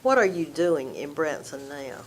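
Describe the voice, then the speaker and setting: A woman interviewer asking calm, informative questions about her guest's background. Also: deep voice, unhurried, slight background noise.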